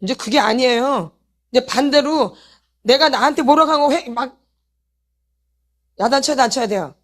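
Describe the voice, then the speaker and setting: A woman's voice: high voice, normal speed. A woman, a pastor's wife leading a healing meeting, preaching a sermon and pressing her congregation with repeated rhetorical questions. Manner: addresses the congregation directly, calls for repentance.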